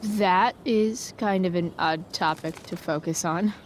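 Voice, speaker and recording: A woman's voice: fairly low pitch, unhurried, a little hiss or hum, lightly acted. A woman playing a sarcastic, rebellious teenage girl in a video game, with a casual, dry way of talking. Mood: teasing.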